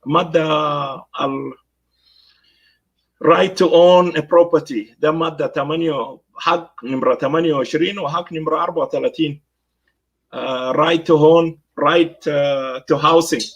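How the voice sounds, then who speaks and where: A man with a South Sudanese Arabic accent giving political commentary, slipping between Arabic and English and pausing on many fillers. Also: on the high side, fairly even intonation, highs cut off. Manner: mixes Arabic with English phrases.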